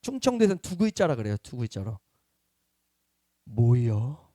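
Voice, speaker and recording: A middle-aged man preaches a Sunday sermon, lively and quizzing his congregation. His voice sits high. The recording is dry and close. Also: moderate pace, no room sound. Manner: lively, questioning the congregation, acting out quotes. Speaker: pastor.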